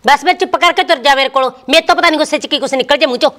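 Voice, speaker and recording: A woman playing a proud, angry young village wife with a Malwai Punjabi accent. Her voice is high and her words come fast, curt and scornful. She talks down to her husband and does not back off. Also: a bit bright. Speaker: wife in a village family drama. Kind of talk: amateur village drama acting.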